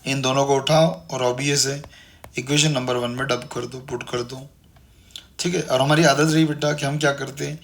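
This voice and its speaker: Male math tutor, mid-pitched, repeats each step patiently. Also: level tone, normal speed, fairly bright tone. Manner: repetitive, coaxing, calls students "beta". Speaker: math teacher. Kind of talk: online classroom lecture.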